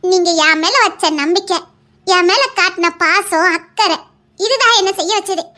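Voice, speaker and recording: A woman's voice: extremely high pitch, moderate pace, bright, forceful tone. A woman acting a cheeky, playful daughter-in-law in a comic skit, with a Tirunelveli Tamil accent. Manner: cheeky, teasing. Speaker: comic actor.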